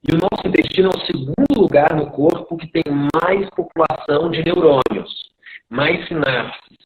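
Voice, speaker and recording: A man hosting a live video chat, explaining slowly, his voice coming through a choppy, breaking-up online call. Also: on the high side. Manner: explaining slowly, checking the connection. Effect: choppy, breaking-up online call audio. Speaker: live-stream host. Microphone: computer mic on a video call. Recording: tinny, echoey online call line.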